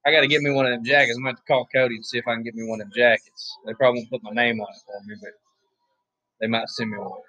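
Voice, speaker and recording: A hoarse man, giving laid-back, chatty play-by-play commentary on a wrestling match, with offhand asides. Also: medium pitch, little pitch movement, racing, sharp tone, no room sound, muffled recording. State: hoarse, losing his voice. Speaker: wrestling watch-along commentator.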